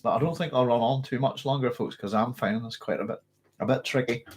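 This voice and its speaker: This fast-talking Northern Irish man hosts a casual live stream, chatting and reading comments with a tickly cough. His medium-pitched voice rambles through frequent fillers and restarts, with a little hiss or hum in the audio.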